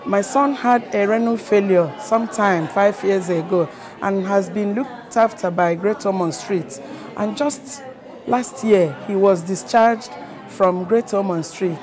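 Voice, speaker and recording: Earnest woman carer from London. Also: mid-range voice. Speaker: family carer. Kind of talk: vox pop interview. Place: large busy conference hall. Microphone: lapel.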